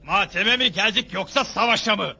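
A man's voice: high-pitched, a little fast, vocal fry, bright, forceful tone, slightly rough, full character voice. An actor voicing a young male warrior in a dubbed period drama, blunt and impatient with his grieving family. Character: young male warrior, defiant son and nephew.

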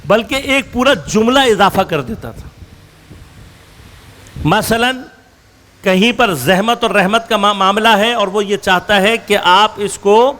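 A man's voice: sits high, fairly bright tone. A man delivering a religious lecture to an audience, explaining with examples and asking rhetorical questions that he answers himself. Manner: explains with worked examples, shifting between slow stresses and quick runs. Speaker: religious scholar.

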